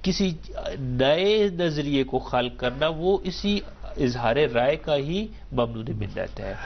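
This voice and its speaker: A man speaking as a religious scholar on a studio talk show, explaining points in a measured, lecturing way with examples. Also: mid-range voice, expressive, creaky, highs cut off, slight background noise.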